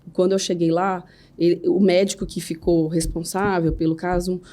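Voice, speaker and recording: A Brazilian woman in her thirties speaks as a podcast guest, giving an earnest, faith-filled personal testimony. Her voice sits a little low and sounds soft and warm. She keeps checking in with the listener as she talks. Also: flat delivery, normal speed. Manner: earnest, faith-filled storytelling with frequent "né?" tags.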